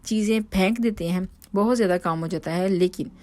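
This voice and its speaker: A woman's voice: mid-range voice, brisk, darkish tone. A woman, chatting through a home vlog voice-over with many fillers and restarts. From Pakistan. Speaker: home vlogger. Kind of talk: casual voice-over narration.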